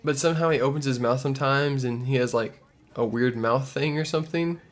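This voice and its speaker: A man's voice: mid-range voice, brisk. A young man in casual, profane chat about a movie, retelling scenes and swearing often. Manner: swears a lot, retells scenes with quoted voices. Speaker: movie review co-host.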